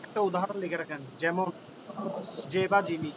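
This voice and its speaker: A male teacher giving an online grammar class, patiently repeating definitions slowly for students to write down. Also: sits high, steady tone, background noise.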